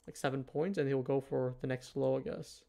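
A man's voice: mid-range voice, steady tone, fairly quick, gravelly, dark tone. A man giving casual live trading commentary, thinking aloud in a hesitant way. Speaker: livestream host, futures trader.

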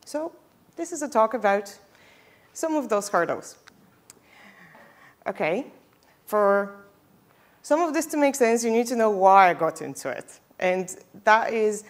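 Chatty woman giving a conference talk. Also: medium pitch. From Bulgaria. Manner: chatty, frequent ums, self-deprecating asides. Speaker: conference speaker. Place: lecture hall with projector screen. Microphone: headset mic.

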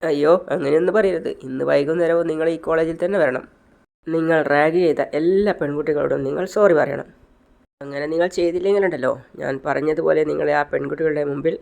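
A man voicing a brave young male professor who firmly scolds bullies, in his own gravelly voice. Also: on the high side, fairly even intonation, a little fast, a little mellow. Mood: stern. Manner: firm, scolding.

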